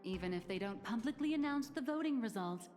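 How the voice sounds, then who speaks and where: A shrewd businesswoman voiced by a woman for a game who is always one step ahead. She speaks in a dry, confident, slightly high voice. Soft music plays under her lines. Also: animated, fairly quick, lightly acted. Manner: calculating, dryly confident.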